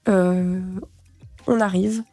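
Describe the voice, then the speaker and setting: A woman's voice: medium pitch, steady tone, extremely slow, dark tone, dry recording, soft background music. A woman quoting an apologetic hospital doctor who tries to reassure, in her own voice, within a story. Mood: flustered. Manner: soothing, apologetic.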